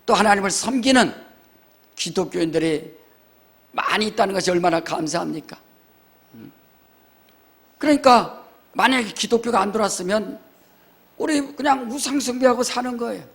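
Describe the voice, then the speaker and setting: A man's voice: sits high, expressive, moderate pace, creaky, pauses often, a bit bright. An older man, a pastor, preaching a sermon in a church. He acts out mourning wails and keeps checking in with the congregation through rhetorical questions. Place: church sanctuary.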